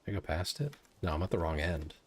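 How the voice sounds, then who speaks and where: A man's voice: low-pitched, very animated, fast, a little hiss or hum. A man streaming a game, chatting with viewers in a rambling, joking way. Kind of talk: casual live-stream gaming chat.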